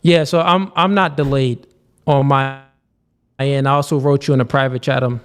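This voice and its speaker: A man's voice: mid-range voice, steady tone, moderate pace, clear, resonant tone. A man hosting a livestream, talking casually and calling people man. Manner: laid-back, calls people man. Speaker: stream host. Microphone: online call mic.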